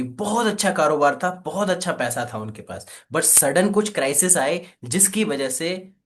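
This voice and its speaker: A man leading a live sales training session, energetic and coaxing, often asking "right?" and urging quick questions. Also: on the high side. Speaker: affiliate marketing trainer.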